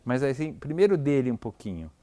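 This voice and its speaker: A man's voice: medium pitch, sing-song, fairly quick, dark tone, no room sound. A man hosting a podcast interview, steering the conversation in a loose, informal way. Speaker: podcast host. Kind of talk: casual interview chat.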